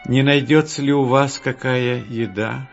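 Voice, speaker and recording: A man voicing Jesus in a storybook, speaking softly and calmly in a low voice. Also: unhurried, gravelly, lo-fi sound, faint music behind. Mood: gentle. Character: gentle, calm risen Jesus, a grown man.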